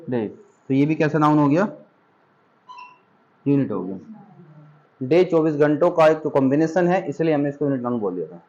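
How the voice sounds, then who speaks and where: A man's voice: a little high, darkish tone, dull audio. A man teaching a classroom grammar lesson, patiently asking questions, repeating points and checking that his students follow. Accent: Hindi.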